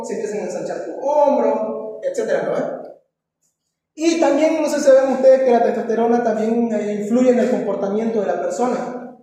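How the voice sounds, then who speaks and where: A man's voice: sits high, warm tone. A male teacher giving a classroom review, questioning his students and tagging lines with a questioning "no?". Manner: quizzes students, tags lines with "¿no?". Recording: echoey hall, voice from far off, faint noise.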